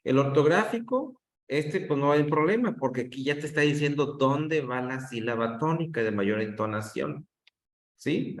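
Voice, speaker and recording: A man teaching an online class, drawing out words to show the stressed syllable and often checking in with "¿sí?". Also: fairly low pitch. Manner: drawn-out demonstrations of stress, frequent checks with "¿sí?". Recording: roomy echo.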